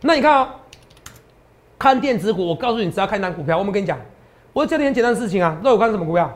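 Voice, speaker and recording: A man with a hoarse voice, hosting a promotional stock market show and boasting emphatically with constant rhetorical questions. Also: sits high, lively intonation, rapid-fire. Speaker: stock market analyst host.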